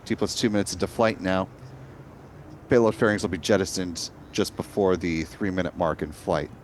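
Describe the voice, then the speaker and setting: A man's voice: low voice, fairly even intonation, moderate pace, a little hiss or hum. A man hosting a live launch webcast, explaining events in a composed way.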